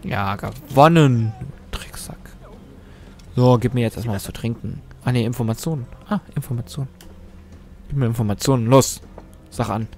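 Excitable young man taunting a game. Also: mid-range voice, fairly quick. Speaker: let's play host. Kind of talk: casual gameplay commentary.

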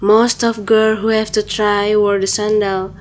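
A woman's voice: mid-range voice, little pitch movement, unhurried. A young woman narrating an amateur school drama in a careful, read-aloud way. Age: young adult.

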